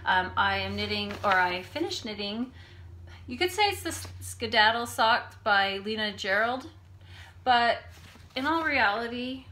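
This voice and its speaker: A woman's voice: a little high, expressive, a little slow, sharp tone. A woman co-hosting a casual podcast, with a nasal voice and an easy, laughing chat. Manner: chatty, laughs easily. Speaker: podcast co-host. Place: home room, recorded on a phone.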